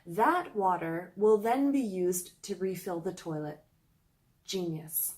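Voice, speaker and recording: A woman's voice: medium pitch, expressive, measured pace, darkish tone. A young woman from Canada narrating a scripted travel vlog, reading out a countdown list in an upbeat, explanatory way. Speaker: travel vlogger.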